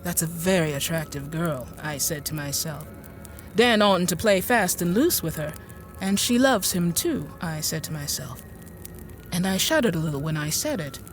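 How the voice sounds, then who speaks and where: Soft music accompanies this actress, whose lowish voice is animated yet lightly acted at ordinary speed. In the audio drama she's a prim, genteel woman fussily recounting a dark tale, confiding it hesitantly, with rambling and excessive politeness.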